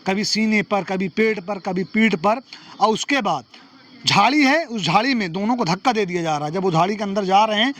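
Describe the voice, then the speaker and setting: A man's voice: sits high, animated, moderate pace, fairly bright tone. A man reporting from the field for local news, speaking with passion and asking rhetorical questions.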